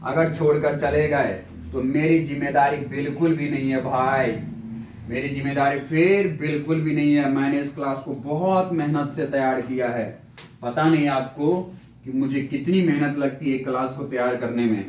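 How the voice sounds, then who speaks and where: A man's voice: medium pitch, fairly even intonation, darkish tone, recorded from a distance, a little hiss or hum. A man teaching a physics lecture who stretches out his words, repeats key terms and keeps quizzing his students with teasing questions. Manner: drawn-out repetitive explaining, teasing rhetorical questions to students. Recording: echoey room, voice a bit off-mic.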